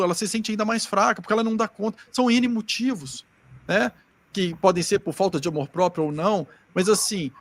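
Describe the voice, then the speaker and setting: Fast-talking Brazilian man with a gravelly voice. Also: high-pitched, fairly bright tone. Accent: Brazilian Portuguese. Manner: rambling, acts out quoted dialogue. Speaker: spiritual group speaker. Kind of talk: casual spiritual talk.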